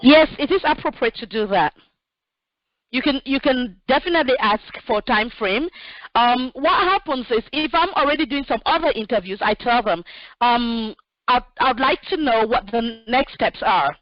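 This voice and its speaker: A direct woman in her forties, originally from Cameroon, gives practical career advice in a fairly high voice, filling her pauses with "um." The sound is dry and dull, like lo-fi call audio. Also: lively intonation, no echo. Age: 40s. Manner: direct, practical, with many fillers. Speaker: human resources expert guest. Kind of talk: answering questions in an online session.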